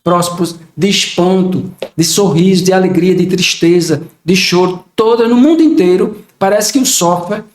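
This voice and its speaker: A man's voice: sits high, normal speed, hardly any pauses. Older man explaining in an echoey room. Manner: reflective, explains with acted-out examples. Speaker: podcast guest. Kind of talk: casual podcast conversation.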